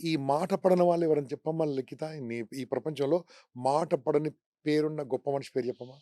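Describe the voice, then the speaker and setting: A man talks fast and with drive, his voice mellow and a little high. He gives animated career advice in an interview, full of rhetorical questions. The sound is dry and close. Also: no echo. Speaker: career trainer.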